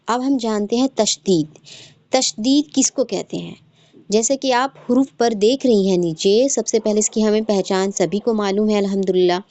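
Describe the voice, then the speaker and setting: A woman's voice: mid-range voice, darkish tone, no room sound. A woman teaching Quran recitation rules in an online class, patiently repeating each rule and quizzing her students. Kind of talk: online tajweed lesson. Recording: dull lo-fi sound.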